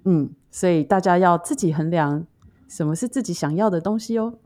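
Low-voiced woman podcast co-host. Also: a little fast, mellow. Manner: easygoing anecdote telling, mixing in English words. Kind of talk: casual podcast chat.

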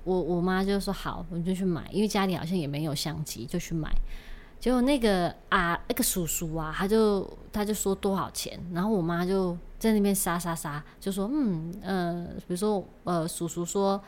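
Teasing woman, lowish voice. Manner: teasing, quick to jump in with questions. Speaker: podcast co-host. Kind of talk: casual chat.

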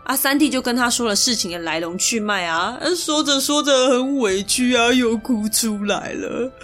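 A chatty, playful woman with a Taiwanese Mandarin accent hosts a storytelling podcast, retelling old myths with lively asides. Her voice sits fairly high, and soft background music plays throughout. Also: moderate pace, hardly any pauses. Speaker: podcast host. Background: faint background music.

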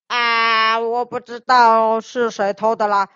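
A woman's voice: fairly high pitch, little pitch movement, slow pace, pushed and bright, smooth, no room sound. A woman voicing a sly, defensive male fox pharmacist in a children's audio drama, talking in a drawling, shopkeeper way. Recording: dull, dry home recording.

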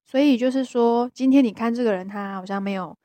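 A woman with a Taiwanese Mandarin accent, co-hosting a podcast in casual chat, talking hesitantly with many restarts and a soft voice that trails off. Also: a little high, brisk, no echo. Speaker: podcast co-host.

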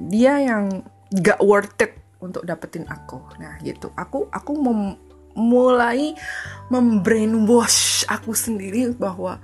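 A woman's voice: medium pitch, darkish tone. A woman in her thirties hosting a casual solo podcast, chatty and confessional, often laughing and slipping into English phrases. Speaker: podcast host.

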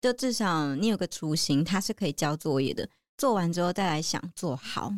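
A woman's voice: fairly low pitch, lively intonation, brisk, no echo, studio quality. A woman with a Taiwanese Mandarin accent, chatting casually as a podcast host. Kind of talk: casual chat.

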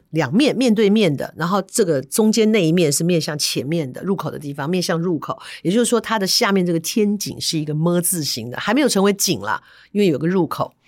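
A woman podcast host, telling a story in lively chat, acting out sounds. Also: lowish voice, no room sound, studio quality. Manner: animated, acts out sounds and voices.

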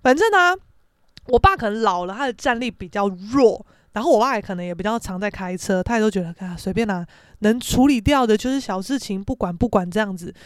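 A woman's voice: mid-range voice, fast talker, no room sound, clean studio sound. A young woman with a Taiwanese Mandarin accent, casually telling a story as a podcast host, brash and sweary, acting out the other people's voices. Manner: animated, acts out quoted voices.

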